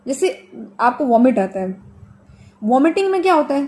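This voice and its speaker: Patient woman tajweed teacher, higher voice. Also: sing-song, darkish tone. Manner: patient, explains with homely examples, drills sounds slowly; stretches model sounds slowly for students to copy. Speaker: Quran recitation teacher. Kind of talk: online tajweed lesson.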